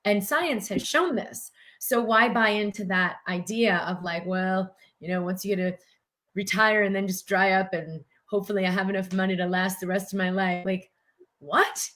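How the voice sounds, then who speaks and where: An earnest woman in middle age who comes from the United States talks in a mid-range voice. She speaks in a warm, animated interview style and fills her thoughts with casual filler words. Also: medium pitch, moderate pace. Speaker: doctor and guest. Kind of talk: conversational interview.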